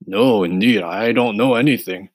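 Scarecrow, a man doing a husky straw man. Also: fairly low pitch, moderate pace, dry recording. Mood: earnest. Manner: polite, simple and earnest.

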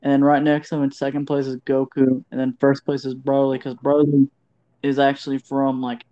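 A man with a mellow, warm-toned voice chats in a relaxed way on a podcast and perks up over anime. The audio sounds dull and lo-fi. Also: medium pitch, moderate pace. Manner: laid-back, excitable about anime. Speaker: podcast co-host. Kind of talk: casual podcast chat.

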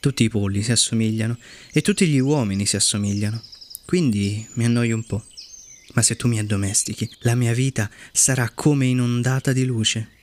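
A man's voice: mid-range voice, steady tone, normal speed, slight background noise, close to an everyday voice. A man doing a wise, patient fox. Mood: earnest. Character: wise lonely female fox, patient and gentle.

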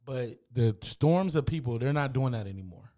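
A man co-hosting a podcast in casual chat, laying out facts in a relaxed, laid-back way. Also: mid-range voice, moderate pace. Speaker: podcast co-host.

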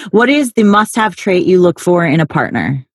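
Woman interviewer chatting casually, slightly low voice, pretty dry sound. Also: sing-song, normal speed, no echo. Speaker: interview host.

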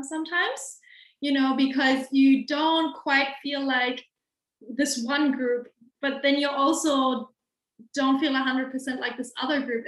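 A young woman, a guest in a casual interview, speaking thoughtfully with frequent pauses and fillers. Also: sits high, fairly bright tone. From Germany. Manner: thoughtful, hesitant with many fillers. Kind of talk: casual conversation. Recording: roomy echo.

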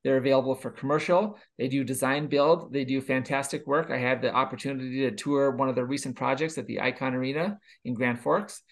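A man's voice: medium pitch, fairly even intonation, fairly quick, hardly any pauses. A man hosting a casual podcast chat, joking with co-hosts and reading a sponsor plug. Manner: jokey, reads ad plugs. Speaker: podcast host.

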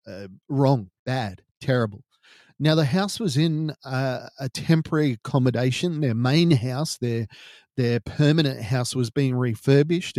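A man's voice: mid-range voice, a little mellow, dry recording. Grave Australian man narrating like true crime, dry sound. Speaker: podcast host. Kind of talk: first-person storytelling in the manner of a true crime narrator.

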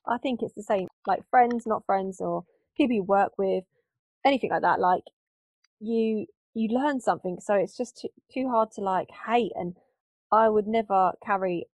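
A woman's voice: medium pitch, normal speed, a little mellow, no echo, poor audio. A woman hosting a podcast in loose, casual chat full of fillers. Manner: conversational, loose, lots of fillers. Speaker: podcast host.

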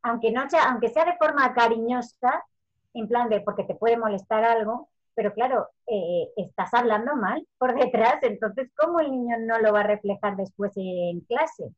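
A woman's voice: on the high side, moderate pace, dull audio. A woman in her thirties from Spain, a parenting educator chatting in an interview and acting out quoted lines as she tells stories. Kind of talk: casual interview talk.

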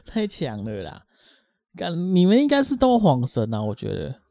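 A man's voice: fairly high pitch, wildly swooping pitch, moderate pace, vocal fry, warm tone, no room sound, studio quality. A man with a Taiwanese Mandarin accent co-hosting a podcast, giving short replies and slangy teasing remarks. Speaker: podcast co-host. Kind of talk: casual chat.

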